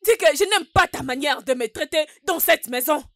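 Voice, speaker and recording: A jealous, menacing wife. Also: female voice, high-pitched, moderate pace, a bit bright, no echo, clean studio sound. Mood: indignant. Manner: commanding, harsh and insistent. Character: jealous, scheming adult wife, cruel and threatening. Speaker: jealous wife in a dubbed film. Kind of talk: French film dub acting.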